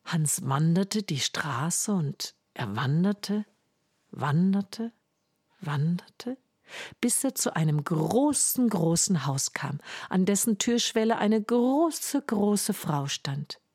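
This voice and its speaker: Brief: woman storyteller, fairy tale, slow, low, soft half-whisper. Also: expressive, slightly rough, no echo, studio quality. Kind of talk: fairy-tale narration to children.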